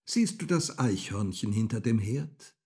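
A man's voice: on the low side, expressive, a little slow, darkish tone, slightly rough, heavily acted. A man voicing a kindly old wise woman in a fairy tale, speaking in a comforting way.

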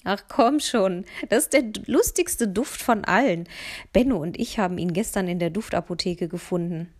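A woman voicing a cheeky, playful teenage boy in an audiobook, with a slightly creaky voice. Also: mid-range voice, moderate pace, darkish tone, natural voice. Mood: teasing. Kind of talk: audiobook dialogue.

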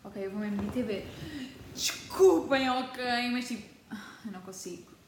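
In an echoey room with faint ambience, a teen girl from Portugal speaks to camera at a moderate pace, her slightly high voice carrying a European Portuguese accent. She vlogs chattily and dramatically, mixing in English words.

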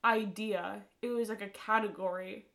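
A woman's voice: medium pitch, steady tone, moderate pace, vocal fry, fairly bright tone. Casual young woman chatting on a podcast, lots of likes and trailing off. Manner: chatty, trails off with many fillers. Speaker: podcast co-host. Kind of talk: casual chat.

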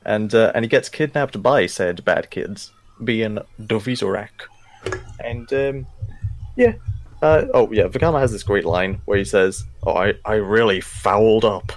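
A man co-hosting a podcast, giving a relaxed, rambling recap of a story with plenty of fillers over an internet call. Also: on the low side, unhurried. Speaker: podcast co-host. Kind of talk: casual chat, summarizing a book. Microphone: video call. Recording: lagging internet call audio.

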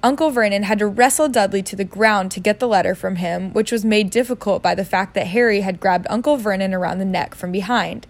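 A woman's voice: mid-range voice, brisk, few pauses. A woman reading a novel aloud in a casual way, joking about her own misreadings. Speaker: reader.

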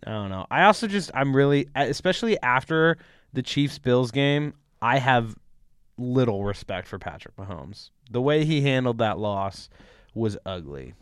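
A man's voice: mid-range voice, big pitch swings, normal speed, smooth, no room sound, studio quality. A young man co-hosting a podcast, chatting casually and opinionatedly about football, rambling and laughing as he goes. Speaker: podcast co-host. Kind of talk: casual sports chat.

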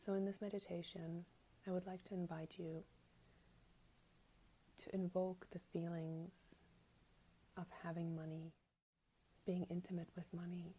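A woman guiding a meditation in a soft, breathy, near-whispered spa-like voice. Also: on the low side, little pitch movement, unhurried, pauses often, rough recording. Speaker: meditation guide. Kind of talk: guided meditation. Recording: meditation music under the voice. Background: music.

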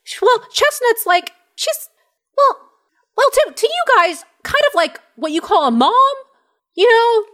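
A woman voicing a small, frightened young male gnome who stammers and pleads in a high, shaky voice. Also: very animated, unhurried, a bit bright, heavily acted. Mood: nervous.

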